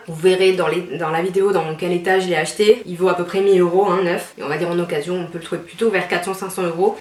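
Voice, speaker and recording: Fast-talking chatty woman vlogger. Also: medium pitch, reverberant. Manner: chatty, enthusiastic, rambling with fillers. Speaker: fashion and lifestyle YouTuber. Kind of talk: casual shopping haul vlog.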